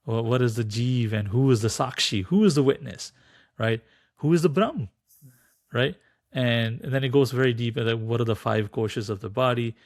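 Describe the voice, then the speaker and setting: A man's voice: mid-range voice, moderate pace, no echo, clean studio sound. A man speaking as a podcast guest, explaining spiritual teachings and telling a parable, acting out the voices in his story. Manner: animated storyteller, acts out quoted voices.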